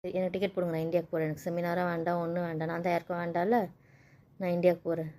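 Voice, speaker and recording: A woman's voice: lowish voice, flat delivery, very fast, warm tone, natural voice. A woman playing a young wife who pleads with and coaxes her sulking husband in a family skit, then turns indignant.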